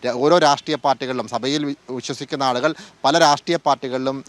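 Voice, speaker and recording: A man's voice: mid-range voice, fairly quick, dry recording. Man reporting live from outdoors. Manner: steady explanatory reporting with small restarts. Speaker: field reporter. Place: outdoors in front of trees. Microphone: handheld channel mic.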